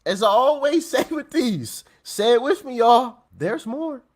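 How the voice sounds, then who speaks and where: Animated high-voiced man reacting to clips. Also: unhurried. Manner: animated, laughs between points. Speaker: vlog host. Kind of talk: casual commentary.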